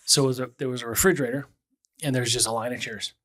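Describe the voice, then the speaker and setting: A man's voice: medium pitch, fairly even intonation, very fast, fairly bright tone. A middle-aged man co-hosting a podcast, telling rambling, joking stories in casual banter. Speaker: podcast co-host.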